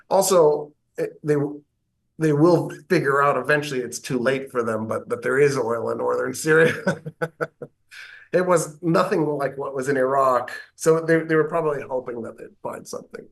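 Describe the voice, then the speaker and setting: An American man, a government professor, explaining history in an interview with animated delivery and wry asides. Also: medium pitch, vocal fry.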